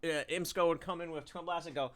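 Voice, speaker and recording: A man casting a live esports final, talking fast and loosely through the picks with plenty of fillers and excited jumps. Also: on the high side, crowd noise. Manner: rambling, excitable play-by-play with fillers. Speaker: esports caster.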